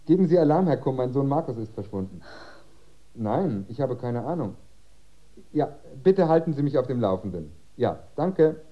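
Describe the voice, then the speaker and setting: A man's voice: medium pitch, sing-song, normal speed, highs cut off, close to an everyday voice. An actor playing a tired, stern middle-aged father and doctor in a radio play, firm and sarcastic.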